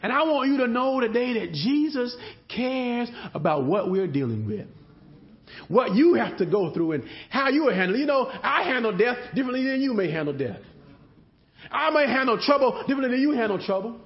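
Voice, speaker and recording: A man preaches, his voice high and swinging widely as he builds repeated phrases. The recording sounds dull and lo-fi. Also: expressive, brisk. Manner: preaching with rising emphasis and call-and-response rhythm. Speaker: pastor. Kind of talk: sermon.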